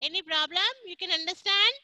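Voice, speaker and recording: A woman's voice: very high-pitched, very slow, pushed and bright, no room sound, low-quality recording. A woman teacher, giving a patient online class to young children and mixing in English words. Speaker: primary school teacher.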